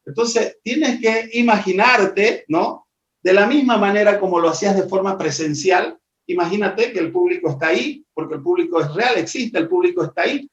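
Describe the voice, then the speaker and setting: Male trainer, high voice, didactic webinar delivery, distant dull audio. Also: normal speed, roomy sound. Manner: didactic, asks rhetorical questions. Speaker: presentation skills trainer. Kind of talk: live webinar lesson. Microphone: video call.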